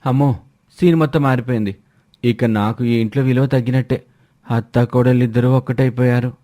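A man voicing a lively, playful young adult son. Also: mid-range voice, a little fast, natural voice. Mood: joking.

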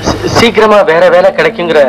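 A man's voice: high voice, fairly quick, close to an everyday voice, low-quality recording. An actor in a 1960s Tamil film playing an earnest young man starting a business, speaking politely and measuredly. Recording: old film soundtrack with clear music.

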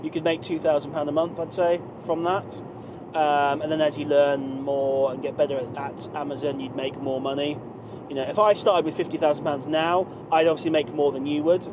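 A man in his thirties talks to camera from the driver's seat, his voice a touch higher than most men's. He rambles, circling back with fillers and restarts. Road and engine noise hums clearly under a dashboard camera mic. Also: level tone, moderate pace, highs cut off. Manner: rambling, many fillers and restarts, gestures while talking. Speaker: vlogger, online seller. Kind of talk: casual driving vlog monologue. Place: inside a moving car.

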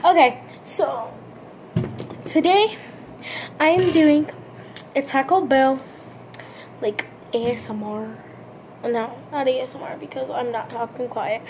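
A woman's voice: high-pitched, slow, pauses often, background noise. A woman vlogging a casual eating show, rambling with lots of fillers and restarts.

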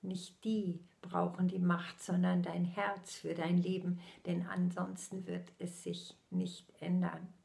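A spiritual medium in her sixties delivers a channeled message with eyes closed, her low, gravelly voice very unhurried and showing little pitch movement. Many phrases drift into a soft whisper. The recording feels close and intimate, as though captured on a laptop in a small room at home.

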